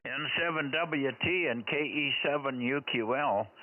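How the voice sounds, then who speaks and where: A man's voice: mid-range voice, unhurried. An American man running an amateur radio net as controller, chatting casually and repeating call signs and short phrases in procedural radio style. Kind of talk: casual ham radio net check-in chat. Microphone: two-way radio. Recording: tinny narrowband radio, heavy static noise, clicks.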